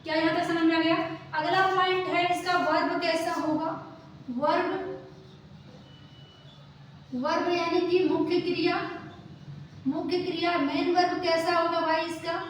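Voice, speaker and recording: A woman English teacher explaining grammar slowly, repeating key words and checking that students understand. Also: very high voice, level tone. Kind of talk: classroom grammar lesson. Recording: echoey room, distant mic, faint noise.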